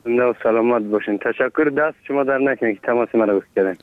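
A man's voice: medium pitch, clear, resonant tone, no echo. A man calling in to a radio show, aggrieved and full of polite blessings, heard over a tinny phone line. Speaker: caller. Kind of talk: phone-in call.

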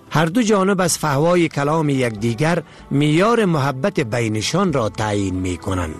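A man giving a measured, formal scripted radio narration. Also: fairly high pitch.

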